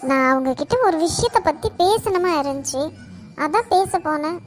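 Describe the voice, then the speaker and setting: A woman voicing a hot-headed college girl in a cartoon, accusing and shouting. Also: very high-pitched, expressive, normal speed, faint music behind. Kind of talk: Tamil cartoon voice acting.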